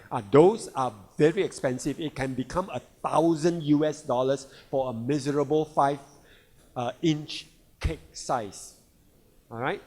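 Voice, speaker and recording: Slow, emphatic man in a reverberant hall. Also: fairly high pitch, a little mellow. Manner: emphatic, with frequent checking "all right?" and "right?" asides; repeats and rephrases key words. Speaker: sales leader presenting products. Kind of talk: product seminar talk to a live audience.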